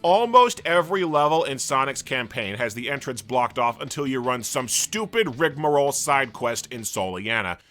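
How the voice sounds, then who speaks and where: A man's voice: mid-range voice, big pitch swings, normal speed, few pauses, a bit bright. A man narrating a scripted video game review, sarcastic and ranting, with frequent swearing. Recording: voice-over with faint music.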